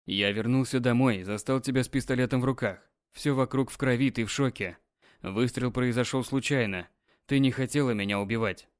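A man voicing a calm, insistent, controlling husband in an audiobook, soothing but commanding. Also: mid-range voice, fairly quick, dry recording, clean studio sound, close to an everyday voice. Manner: firm, soothing yet commanding. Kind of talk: audiobook character reading.

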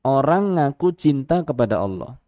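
Lively male preacher. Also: medium pitch, no room sound, lo-fi sound. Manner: conversational, rhetorical questions, quick asides. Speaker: religious teacher. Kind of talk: mosque study lecture. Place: mosque.

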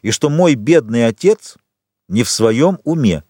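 A man's voice: mid-range voice, animated, measured pace, dark tone, no room sound, studio quality. A man reading an audiobook, voicing a curt, dismissive magistrate. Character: proud middle-aged male magistrate, dismissive.

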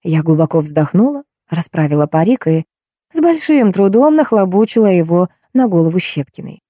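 A woman reading a first-person audiobook in a steady storytelling manner. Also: on the low side, normal speed, no room sound, studio quality. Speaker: audiobook narrator.

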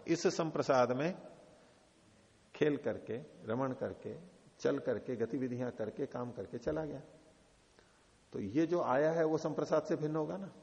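A man with an Indian accent giving a scripture lecture, explaining slowly, chanting Sanskrit quotes and asking and answering his own questions. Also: mid-range voice, creaky, darkish tone. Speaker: Vedanta teacher. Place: ashram lecture hall. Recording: dull lo-fi audio, long hall reverb.

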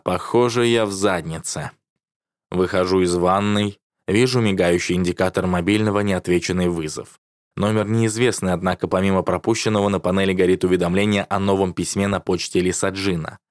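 Narrating a first-person novel, this audiobook reader uses a low register and a wry, sardonic tone. The recording is close-miked in a dry, dead space, with no echo.

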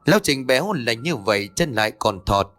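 A man reading a scripted horror story in a steady, suspenseful way. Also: mid-range voice, fairly quick, soft background music.

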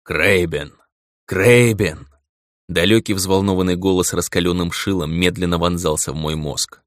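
A man reading a first-person audiobook in a dramatic, expressive way. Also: sits low, fairly quick, no room sound, studio quality. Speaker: audiobook narrator.

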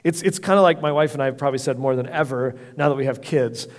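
Earnest pastor preaching in a reverberant hall. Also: male voice, mid-range voice, fast. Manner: earnest, conversational preaching with frequent restarts. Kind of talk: sermon. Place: church hall. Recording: long reverb of a church hall.

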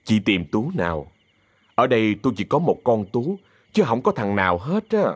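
A man voicing a fierce older woman who runs a theater troupe, cursing and yelling threats in a Southern Vietnamese accent. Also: medium pitch, animated, moderate pace, no echo, lightly acted. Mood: soothing.

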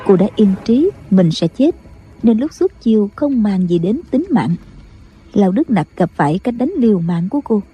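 A woman narrating a martial-arts audiobook in a steady storytelling manner. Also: medium pitch, normal speed, a little hiss or hum. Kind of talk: scripted narration. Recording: with background music.

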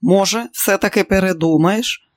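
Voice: mid-range voice, moderate pace, natural voice. A reader voicing a controlling, scheming rich matriarch in an audiobook, speaking dryly and politely. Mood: cool. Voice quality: dry, pointed. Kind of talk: audiobook character reading.

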